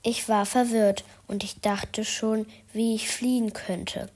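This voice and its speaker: A woman narrating a children's story for her podcast in a soft, half-whispered way. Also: medium pitch, steady tone, slow, a little hiss or hum.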